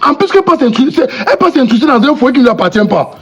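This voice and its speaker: An actor with a Cameroonian French accent playing an indignant man accused of flirting, who protests loudly and repeats himself. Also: very high-pitched, big pitch swings, very fast, highs cut off, heavily acted. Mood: outraged. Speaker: actor in a comedy sketch. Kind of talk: comic sketch acting.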